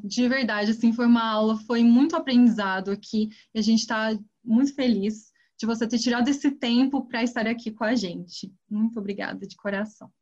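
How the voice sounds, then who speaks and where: A woman hosts a podcast interview with friendly enthusiasm. Her voice sits a little high, and the recording sounds dull and lo-fi. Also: darkish tone. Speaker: podcast host. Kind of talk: interviewing a guest. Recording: dull lo-fi audio.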